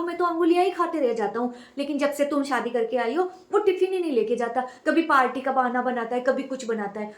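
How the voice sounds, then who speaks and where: A woman's voice: high voice, roomy sound, lightly acted. A woman playing a nagging middle-aged mother-in-law in a comedy sketch, who scolds her daughter-in-law and brags about caring for her son. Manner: scolding, self-praising, keeps prodding with "हैं?".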